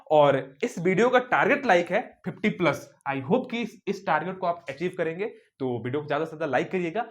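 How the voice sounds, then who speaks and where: This is a young man teaching maths on video. His pitch moves a lot as he asks and answers his own questions, and he talks straight to the students watching. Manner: repetitive rhetorical questions, addresses students directly. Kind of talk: video lesson.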